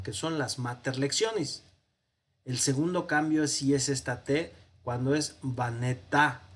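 A man with a husky, mid-range voice and a Mexican Spanish accent teaches Hebrew grammar in an online lesson. He is patient and explanatory, corrects himself, and uses many "este" fillers.

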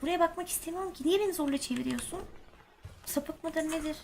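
High-voiced jumpy young woman gamer. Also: fast. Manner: jumpy, swears and shouts when scared. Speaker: gaming streamer. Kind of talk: casual let's-play chat. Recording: noisy gaming stream audio.

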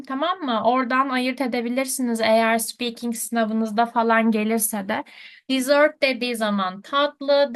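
Slow, high-pitched woman teaching. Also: fairly bright tone, clean tone. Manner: patient, checks answers with students. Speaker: English teacher. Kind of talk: live online lesson.

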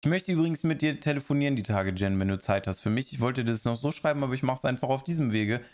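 A man's voice: medium pitch, fast talker, darkish tone. A man streaming live, chatting casually while reacting to a video and answering viewer chat in rambling asides.

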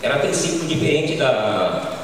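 A middle-aged Brazilian man giving an informal conference lecture on a handheld microphone, often ending points with quick tag questions. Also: medium pitch, big pitch swings, slight background noise. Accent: Brazilian Portuguese. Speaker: agronomist lecturer. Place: large conference hall. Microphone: handheld mic, filmed from far. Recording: echoey hall from far off.

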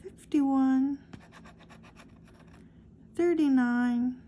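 A woman hosting a scratch-off ticket channel, reading numbers one by one in a slow, steady casual narration, recorded close indoors. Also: high voice, a little hiss or hum. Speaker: lottery scratch-off channel host.

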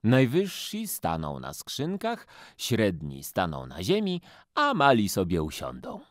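A male actor voicing a stern, patronising school photographer in a children's storybook reading, speaking slowly in a low voice. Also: huge pitch swings, no echo, clean studio sound. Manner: slow, deep, patronising.

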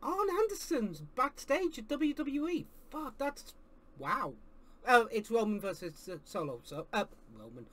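A man reviewing a wrestling show live, excitable and swearing heavily, breaking into shouts. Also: very high-pitched, measured pace. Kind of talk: live watch-along commentary.

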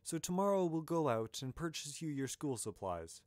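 A man voicing a brisk stern headmistress. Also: fairly high pitch, big pitch swings, darkish tone, no room sound, voice pushed up. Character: stern middle-aged female deputy headmistress.

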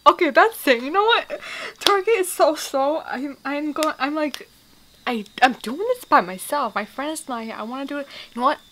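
A woman's voice: high-pitched, normal speed, fairly bright tone, a little hiss or hum. A young woman vlogger chatting casually to camera. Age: young adult. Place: indoors, small curtained room.

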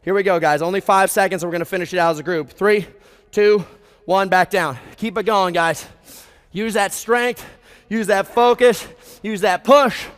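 A man's voice: high-pitched, normal speed, a bit bright, clear, resonant tone. An American man in his twenties coaching a group workout in a hyped, motivational gym-bro manner, giving cues and countdowns while exerting himself. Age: 20s. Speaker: fitness instructor leading a group workout. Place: large brick warehouse gym, indoors. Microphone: headset. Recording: reverberant large hall.

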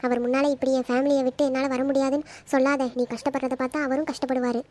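A loving, reassuring middle-aged mother from a cartoon, voiced by a woman. She speaks high and fast, coaxing her daughter gently. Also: level tone, lightly acted. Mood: soothing. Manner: soothing, motherly.

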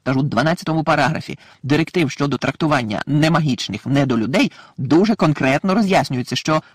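Guy doing a pompous young wizard know-it-all, lecturing, husky voice, dry. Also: on the high side, fast, no echo. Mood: indignant. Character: pompous, self-important young wizard official.

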